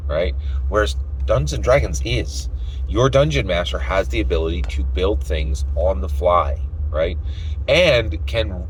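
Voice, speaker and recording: A tabletop gaming commentator offers unscripted opinions emphatically, repeating phrases and checking his points with short questions. His voice is on the low side, and the rough recording carries a little hiss or hum.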